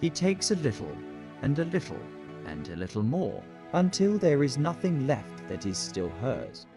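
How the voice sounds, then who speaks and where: A man playing a grave elderly doctor and vampire hunter in a horror audio drama, speaking emphatically and deliberately. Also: a little high, sing-song. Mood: grim. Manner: emphatic, deliberate, repeating key words. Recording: loud music behind the voice. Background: music.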